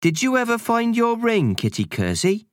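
A man's voice: extremely high pitch, huge pitch swings, normal speed, dry recording, voice pushed up, exaggerated voice. A cheeky invisible sprite, put on by a man natters in a broad rustic dialect, teasing and full of gossip. The voice sits well above the reader's own and swoops about. Dry, close storybook recording.

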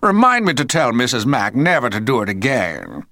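A man voicing a pompous, blustering storybook father who shouts. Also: mid-range voice, wildly swooping pitch, moderate pace, no room sound, studio quality, full character voice.

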